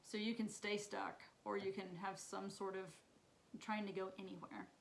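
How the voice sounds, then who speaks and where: A woman's voice: mid-range voice, level tone, moderate pace, gravelly, a little hiss or hum, low-quality recording. Upbeat woman co-hosting a chat. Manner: upbeat, laughs often, quotes others in bright voices. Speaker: podcast co-host. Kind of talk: casual chat.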